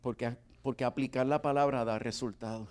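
A man's voice: mid-range voice, fairly even intonation, brisk, a little mellow. A middle-aged man preaching a sermon, acting out dialogues with God and his wife.

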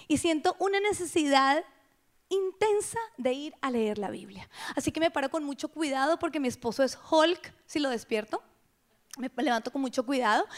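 Woman, middle-aged, high voice, animated testimony, hushed asides. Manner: animated storytelling, shifting to hushed whispers. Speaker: speaker at a women's gathering. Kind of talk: personal testimony.

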